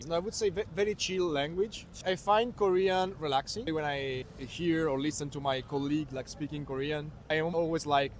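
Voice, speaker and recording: A man from Italy with an Italian accent, answering street interview questions outdoors, thoughtful and pausing for words. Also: a little high, fairly even intonation, a little hiss or hum. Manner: thoughtful, hesitant, searching for words. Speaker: tourist interviewee.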